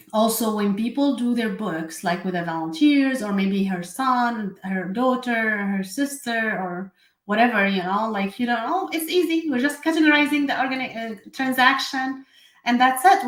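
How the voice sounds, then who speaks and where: A woman's voice: a little high, a little slow. Syrian-born lady, chatty bookkeeping host, lots of ums and restarts, echoey room. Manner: chatty, with many fillers and self-corrections. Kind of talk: casual live explainer.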